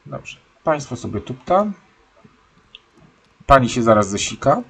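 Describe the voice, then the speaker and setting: A man's voice: mid-range voice, sing-song, measured pace, breathy edge. A young man giving casual, sarcastic commentary while playing a life-simulation game, scolding his stubborn horse. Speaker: let's-play gamer.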